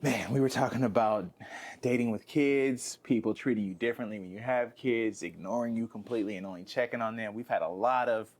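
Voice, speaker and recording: A young man with a lowish voice co-hosts a podcast, talking a little fast in a casual, goofy way. He swears freely, fools around, and laughs often.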